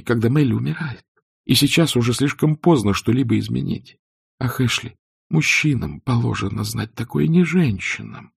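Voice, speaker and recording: A frightened, bitter young Southern woman from a storybook reading, put on by a male reader in a lifted, husky voice. She pleads and reproaches in turn, and the rasp stays under every line. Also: medium pitch, darkish tone, dry recording, clean studio sound, voice pushed up.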